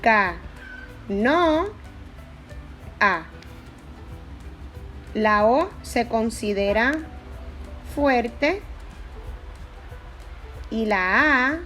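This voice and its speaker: A woman teaching a Spanish grammar lesson, explaining patiently and repeating her examples. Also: high voice.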